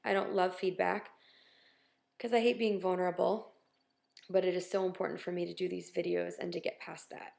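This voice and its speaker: A woman's voice: fairly low pitch, little pitch movement, moderate pace, creaky, darkish tone. A woman talking candidly to her viewers in a casual video diary, with lots of ums and wry self-deprecation. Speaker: vlogger.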